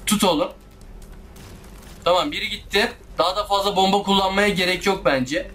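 A man's voice: high-pitched, moderate pace, fairly bright tone, slight background noise. A man giving casual let's-play commentary, frustrated, swearing often and talking back to the game. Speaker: gaming YouTuber. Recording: faint music behind the voice. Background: faint game music.

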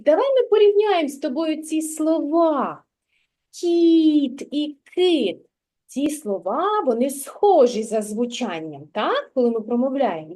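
Slow, high-voiced kindergarten teacher. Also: female voice, warm tone. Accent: Ukrainian. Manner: drawn-out, sing-song word modelling for a child. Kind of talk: slow, patient preschool literacy lesson.

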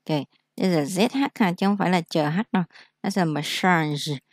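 A woman gives a casual vocabulary lesson in a lowish voice. She speaks slowly and repeats each word so learners can follow. The sound is dry and close. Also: animated, darkish tone, no room sound. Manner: explains slowly, repeats words for practice. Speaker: English teacher.

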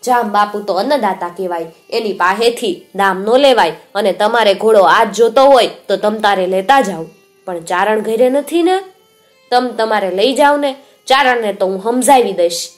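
A woman voicing a gentle, generous elderly village mother who speaks in a soft, homely way. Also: medium pitch, moderate pace, soft background music, close to an everyday voice.

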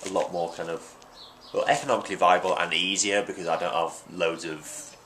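A young man in his twenties, his voice congested from hay fever, vlogs while unboxing items in a small room at home, chatting casually and rambling with lots of ums. His voice sits low, fairly quick, with a sharp tone. The audio comes from a desk webcam and is noisy.

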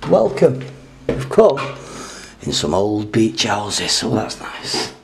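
An English urban explorer vlogger films himself poking around a derelict house, joking, rambling, and swearing casually as he goes. His fairly low, gravelly voice swings widely in pitch and moves slowly, with reverb. The handheld camera mic captures noisy audio.

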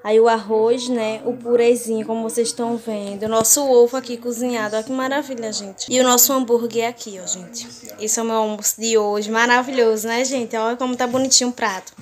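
A woman's voice: fairly high pitch, fairly even intonation, brisk. A young Brazilian woman with a Brazilian accent, chatting casually to viewers in a home vlog, filmed on a phone at arm's length indoors. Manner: chatty, keeps addressing viewers warmly with diminutives. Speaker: home vlogger.

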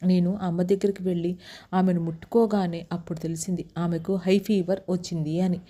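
Storyteller, woman, Telugu accent, deep mellow tone, steady narration, a little low. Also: a little fast. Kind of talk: first-person story narration.

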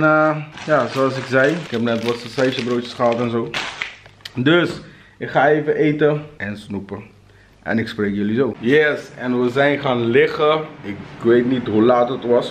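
A man in his thirties vlogs at home in a casual, chatty way. His voice is mid-pitched, picked up by a handheld camera with faint noise around it. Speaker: vlogger. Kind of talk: casual vlog chat to camera. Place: at home indoors, rooms with hard floors and walls. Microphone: handheld camera at arm's length.

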